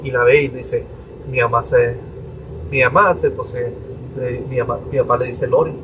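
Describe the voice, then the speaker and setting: A man's voice: medium pitch, moderate pace. A young adult priest tells a personal story on a podcast, acting out his parents' voices as he goes. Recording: distant mic with steady room noise.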